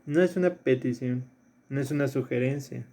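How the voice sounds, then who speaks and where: Un hombre, profesor de filosofía, da una clase a distancia y repasa ejercicios paso a paso. Repite los términos clave y pregunta "¿sí?" a menudo. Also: male voice, medium pitch, moderate pace, mellow. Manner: explains step by step, repeats key terms, checks in with "¿sí?". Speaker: philosophy teacher. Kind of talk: recorded remote lesson reviewing exercises.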